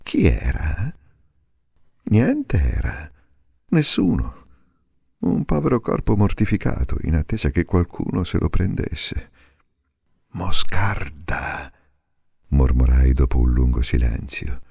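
A man giving a dramatic literary reading in a slow, measured, intense way, sometimes sinking to a hush. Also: very deep voice, very animated, creaky, husky, no room sound, studio quality. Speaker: reader.

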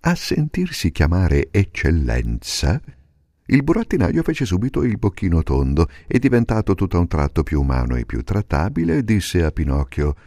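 A man narrating a storybook in an expressive, dramatic reading. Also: deep voice, moderate pace, no echo, clean studio sound.

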